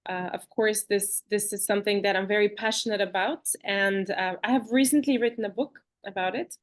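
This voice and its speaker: A woman from Bulgaria, a guest in an interview, talking in an animated, chatty way with fillers and restarts over a video call. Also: mid-range voice, a little fast. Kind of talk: conversational interview.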